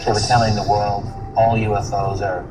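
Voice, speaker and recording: A man's voice: on the low side, level tone, moderate pace. A man interviewing someone, prompting with questions and short summaries. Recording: distant mic, clear background noise.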